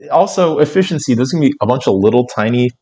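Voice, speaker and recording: A man's voice: mid-range voice, lively intonation, fast talker, dark tone. A man co-hosting a film podcast in casual chat, rambling with lots of fillers and frequent laughter. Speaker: podcast co-host.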